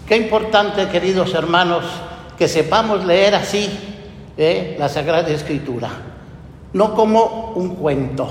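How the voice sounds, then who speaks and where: This is a homily given after a Gospel reading by a slow-speaking male priest. He preaches with earnest conviction and asks rhetorical questions, his words echoing through a church hall over a low rumble.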